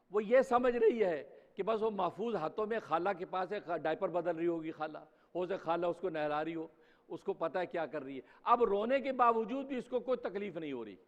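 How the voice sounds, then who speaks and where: A man preaching a Friday sermon in a mosque, speaking emphatically and posing rhetorical questions. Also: high-pitched. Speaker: preacher, mufti. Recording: dull sound with long hall reverb.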